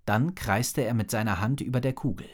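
A man narrating a children's storybook with an expressive reading. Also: medium pitch, fairly quick.

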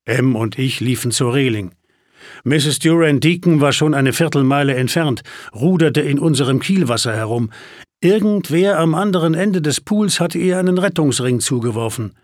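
A man narrating a first-person story as an audiobook, animated, with sudden rises in pitch. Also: normal speed, no echo, studio quality.

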